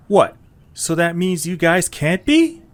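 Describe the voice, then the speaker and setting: A man plays the lead in a scripted audio story as well as narrating it, portraying an earnest, encouraging young male character in a conversational style. He uses a high-pitched, very animated voice that is heavily acted and slow.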